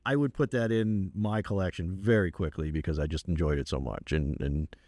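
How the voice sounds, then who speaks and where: A man hosting a radio show, chatting casually with a guest, laughing often and filling pauses with restarts. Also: low voice, a little mellow, no room sound, clean studio sound. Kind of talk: casual radio interview chat. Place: radio studio.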